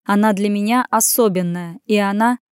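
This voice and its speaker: A woman voicing a gruff grown man who answers curtly and grumbles, in an audiobook, in close to her own reading voice. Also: mid-range voice, normal speed, no room sound, lightly acted. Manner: curt and grumbling. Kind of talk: audiobook character voice.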